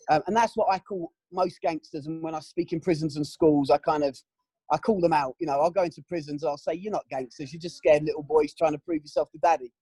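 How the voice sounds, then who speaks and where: A middle-aged man giving candid, emotional testimony in an interview, often pausing with "um" and "you know". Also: fairly high pitch, darkish tone, breathy edge, no echo, poor audio. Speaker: interview guest.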